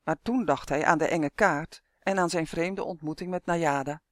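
A woman narrating a children's fantasy story aloud in an even, clear manner. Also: low-pitched, normal speed, no echo, clean studio sound.

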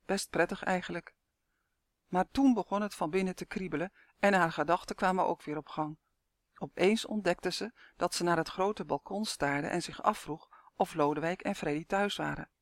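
Guy narrating a storybook, gentle steady reading, bit higher voice, dry close sound. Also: normal speed, dry recording.

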